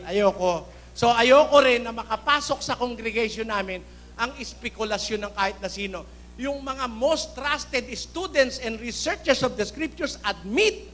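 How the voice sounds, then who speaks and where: A man preaching in a Filipino accent, forceful and indignant, firing rhetorical questions at his congregation. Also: very high voice. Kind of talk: Taglish sermon with Bible readings.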